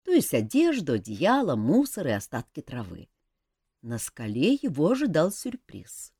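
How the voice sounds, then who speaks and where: A woman narrating an audiobook with expressive storytelling. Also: deep voice, moderate pace, slightly rough, dry recording, clean studio sound. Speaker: audiobook reader. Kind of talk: scripted narration.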